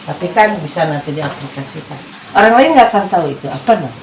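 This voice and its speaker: A woman's voice: sits low, lively intonation, quick pace, distant mic. A woman teaching a class, patiently quizzing her listeners with questions. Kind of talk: classroom explanation. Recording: echoey room with background noise.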